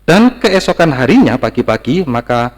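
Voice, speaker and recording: A man's voice: a little high, sing-song, moderate pace, big-room sound. A man preaching a sermon, emphatic and repetitive, his voice rising to stressed peaks.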